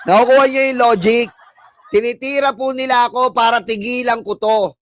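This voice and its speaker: High-voiced Filipino man ranting and taunting. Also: steady tone, moderate pace, slight background noise. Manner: sneering, taunting, laughs at his own jabs. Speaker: political livestream commentator. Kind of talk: mocking live-stream rant.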